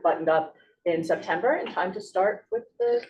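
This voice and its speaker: A woman with a slightly low voice walks a board through agenda items, casual and hesitant with many ums and restarts. She sits away from the mic, with a faint hiss in the recording. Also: wildly swooping pitch, normal speed, gravelly, a little mellow, distant mic, dull audio. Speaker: agency staff leading agenda items. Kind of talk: board meeting discussion. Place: meeting room.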